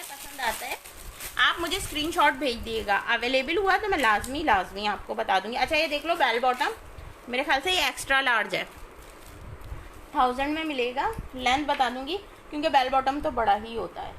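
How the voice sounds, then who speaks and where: A woman, chatting informally as she sells clothes on a live stream and often checking in with her listeners, over clear background noise. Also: sits high, lively intonation, normal speed, pushed and bright. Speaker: live online clothing seller. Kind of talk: casual live shopping sales chat.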